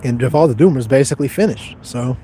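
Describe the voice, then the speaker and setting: A young man in his twenties with a dark, mellow voice talks casually on a livestream. He answers viewers in a blunt, offhand way and swears freely. A faint hum of noise sits behind him. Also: mid-range voice, fast talker. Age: 20s. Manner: blunt, profane, detached and offhand. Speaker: livestreamer reading chat.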